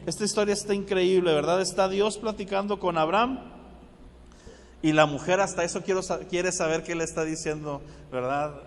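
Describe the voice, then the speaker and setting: A man's voice: high-pitched, fairly even intonation, normal speed. A man preaching a sermon, telling the story conversationally and checking in with his listeners. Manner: storytelling, conversational, asks "¿verdad?" often. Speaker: pastor. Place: church hall. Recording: long reverberant hall.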